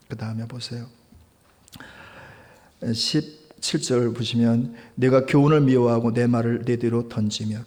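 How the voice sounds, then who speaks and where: A male pastor preaching at a church service with a slightly raised voice. He talks to the congregation conversationally and keeps asking them questions. He rises to loud emphasis, then drops to hushed, almost whispered asides. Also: on the high side. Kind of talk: sermon.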